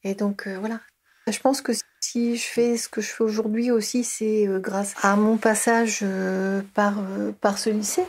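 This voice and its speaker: Talking about her school days in a relaxed interview, a middle-aged woman who works as an early childhood educator stumbles often, with lots of fillers and restarts. She speaks at a medium pitch, in a level tone and at a measured pace.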